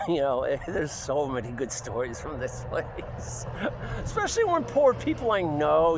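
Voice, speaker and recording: A man's voice: fairly high pitch, background noise. A man who works hospital night shifts, telling a casual, rambling story on his break and laughing often. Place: outside on a work break.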